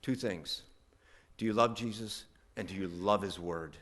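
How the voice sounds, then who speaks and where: A man's voice: sits low, measured pace, fairly bright tone. A middle-aged man from West Virginia, a pastor preaching a sermon with emphatic swells on key lines.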